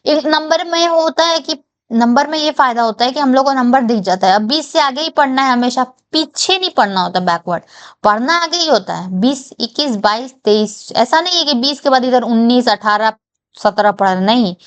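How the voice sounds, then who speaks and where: A woman's voice: a little high, expressive, moderate pace, clean tone. A young adult woman teaching an exam-prep reasoning lesson. She counts aloud step by step and checks whether her students understand.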